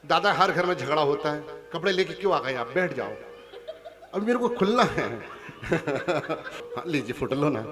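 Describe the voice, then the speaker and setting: Recorded live in a big hall full of people, a man from Punjab performs comic poetry and needles the audience directly. He speaks at a moderate pace in a slightly high voice with lively intonation.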